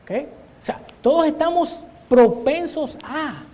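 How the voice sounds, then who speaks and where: A man with an extremely high, warm voice preaches a Bible study sermon slowly and earnestly in a church hall, often calling his listeners brother. Long church-hall reverb surrounds the recording.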